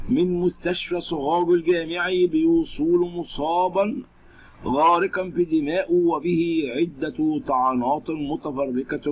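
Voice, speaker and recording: A man's voice: a little high, breathy edge, rough recording. A man with an Egyptian accent narrating scripted news reports and commentary. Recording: steady background noise.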